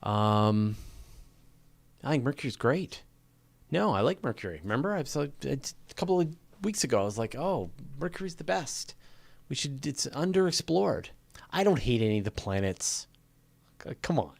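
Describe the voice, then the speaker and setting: A man hosts a casual live Q&A show, chatting with viewers in an informal, joking, conversational way. His medium-pitched voice is gravelly and very animated, at a moderate pace, with no room sound.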